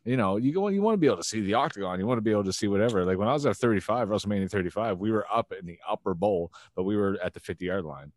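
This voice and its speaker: A man co-hosting a casual sports podcast who talks in an animated way and keeps saying "you know what I'm saying". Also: fairly low pitch, very fast, few pauses, no echo. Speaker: podcast co-host.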